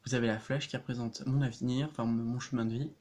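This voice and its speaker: A man of average pitch explains his homemade rune deck in a relaxed vlog. He hesitates often, restarts his sentences and fills pauses with little chuckles. He talks as an energy practitioner sharing with his viewers.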